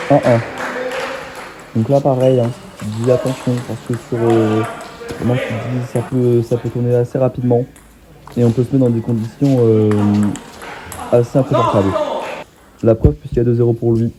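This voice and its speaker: A young man talking over his own table tennis match, excitable and self-mocking. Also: medium pitch. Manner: excitable, self-mocking, laughs often, swears casually. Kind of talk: casual match commentary voice-over.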